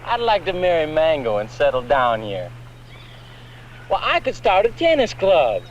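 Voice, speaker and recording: Casting: easygoing, smitten American dope, high lively voice, muffled vintage film sound. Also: male voice, normal speed, slight background noise. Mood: dreamy. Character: lovesick, naive, easygoing young American man. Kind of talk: comedic film acting. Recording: dull old film soundtrack, music behind.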